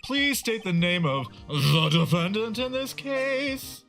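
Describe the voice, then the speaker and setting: A man voicing an old male judge, singing his lines in a high, slow, drawn-out voice. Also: very animated, creaky, a bit bright, faint music behind, heavily acted. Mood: sing-song stern.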